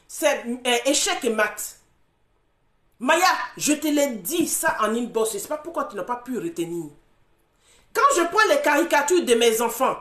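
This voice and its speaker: Confrontational woman, high lively voice, mocking laughs, echoey room. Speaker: social media commentator. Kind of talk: heated live argument.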